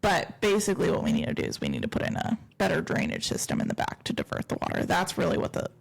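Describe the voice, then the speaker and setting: A woman co-hosting a casual home podcast at a kitchen table, hoarse and sick with her voice nearly gone, talking fast and breathy. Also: fairly low pitch, huge pitch swings. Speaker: podcast co-host. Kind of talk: casual chat.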